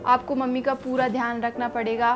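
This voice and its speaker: A woman as a gentle, devoted young wife. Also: fairly high pitch, little pitch movement, fairly quick, lightly acted. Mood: tender. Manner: soft, coaxing, reassuring. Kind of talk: amateur short-film acting. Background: background music.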